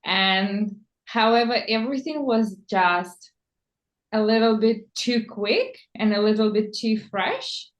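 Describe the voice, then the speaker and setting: Slow-spoken Czech woman in an echoey room. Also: fairly high pitch, expressive, lo-fi sound. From Czech Republic. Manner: slow, searching for words in non-native English. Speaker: personal stylist, guest. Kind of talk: conversational interview.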